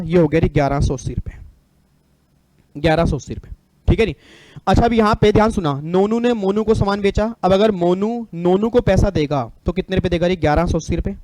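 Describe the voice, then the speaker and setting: A man's voice: high voice, warm tone, slight background noise. A man teaching an online exam-prep lecture, joking and bantering with his students.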